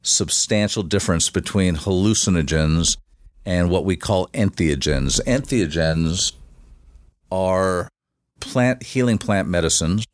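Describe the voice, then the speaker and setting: A low-voiced man, recorded in clean studio quality with no room sound, appears as a guest on a casual podcast interview. He's a shamanic facilitator who explains things at length in a halting way, restarting often and leaning on fillers.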